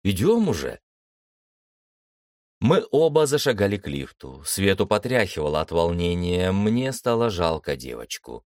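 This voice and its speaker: A man reads a novel aloud in a deep, low register, his pitch rising and falling freely as he shifts tone for each character. The recording is dry and close to the mic, with no room sound. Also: big pitch swings, moderate pace, few pauses, darkish tone, no room sound. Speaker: audiobook narrator. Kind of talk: scripted audiobook narration.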